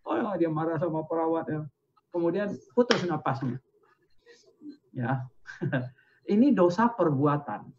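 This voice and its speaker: An older man, an invited pastor, explaining doctrine in a question-and-answer session, animated and chuckling, with swings of pitch. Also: lo-fi sound. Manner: animated, chuckling, pitch rising and falling widely.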